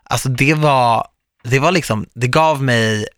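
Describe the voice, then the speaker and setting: A man in his thirties, hosting a podcast, telling a personal story in a lively way and acting out the people in it. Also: mid-range voice, clean tone, no echo, studio quality. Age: 30s. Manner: animated storytelling, quotes others vividly. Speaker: podcast host. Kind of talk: casual podcast chat.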